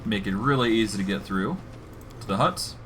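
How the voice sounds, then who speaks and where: A man's voice: lowish voice, normal speed, noisy background. A man streaming a game, casually narrating his own moves as he goes. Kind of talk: casual live gameplay commentary.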